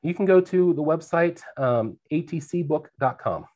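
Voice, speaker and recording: A man's voice: on the high side, expressive, moderate pace, a little mellow. Man, air traffic controller and guest. Plain, practical explainer with easy laughs, speaking over a remote call. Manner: explains plainly, laughs easily, many restarts. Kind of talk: conversational interview.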